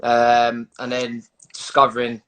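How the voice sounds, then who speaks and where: A man's voice: medium pitch, completely flat delivery, a little slow, fairly bright tone. A man with a London accent talking casually as an interviewed footballer, matey and slangy with hesitant phrasing, on a video call. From London, England.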